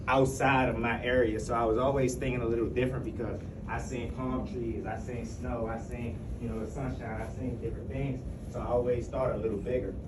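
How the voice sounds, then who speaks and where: A man in his twenties with a DC-area American accent gives an informal, conversational motivational talk about himself to a group. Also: mid-range voice. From Maryland, USA. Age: 20s. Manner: conversational, frequent "you know what I'm saying". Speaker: speaker telling his life story at an event. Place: echoey room, speaking to a group. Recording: echoey room, distant mic, faint noise.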